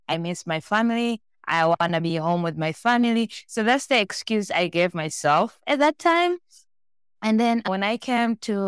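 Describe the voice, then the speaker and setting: Born in Tanzania and raised in several countries, a woman speaks casually and candidly as a podcast guest, sharing personal stories. Her fairly low voice is smooth, and the recording is studio quality with no echo.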